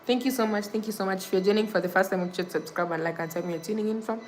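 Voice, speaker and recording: Speaking at a racing pace in a steady, medium-pitched voice, a young woman from Kenya chats with viewers on a casual livestream. She reads their comments and keeps repeating thanks and subscribe reminders, with slight background noise behind her.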